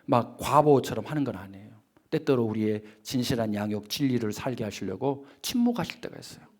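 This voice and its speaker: A man preaching a sermon as pastor, who swings from loud emphatic peaks to hushed whispered asides, asks the congregation rhetorical questions and acts out quoted voices. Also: mid-range voice, lively intonation, fairly quick.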